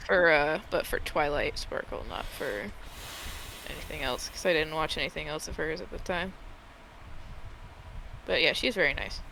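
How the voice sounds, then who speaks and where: A woman with a distinctly creaky, bright voice talks casually as a guest on a stream call. She rambles informally and bluntly, with faint noise behind her. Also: low voice, moderate pace, pauses often, low-quality recording. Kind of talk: casual chat.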